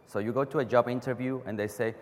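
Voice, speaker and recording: A Chilean conference speaker talks fast in a steady, mid-range voice during a technical presentation. The hall is large and reverberant with a long echo, and his delivery includes non-native phrasing, many restarts and a habitual rhetorical "right?"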